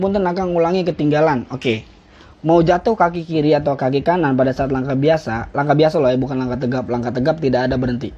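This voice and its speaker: A young drill instructor with a slightly mellow voice on the high side runs through drill commands on a live stream. He reads from a rulebook, blunt and joking, in a casual manner, and the recording sounds dull and lo-fi.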